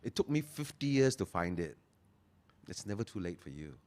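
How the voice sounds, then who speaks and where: Lively, emphatic man. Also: lowish voice, slight background noise. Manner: earnest, emphatic, slows down to stress key phrases. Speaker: guest. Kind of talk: motivational interview talk.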